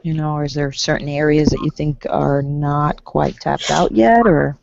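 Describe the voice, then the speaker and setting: A woman's voice: low voice, fairly even intonation, measured pace, vocal fry, a little mellow, a little hiss or hum. A woman in a casual online group discussion, asking a question in a hesitant way as she searches for words. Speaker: guest in discussion. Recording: dull lo-fi call audio.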